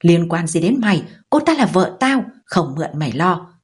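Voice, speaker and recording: A woman voicing a hot-tempered, jealous young husband who shouts rough insults. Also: a little high, sing-song, normal speed. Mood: furious.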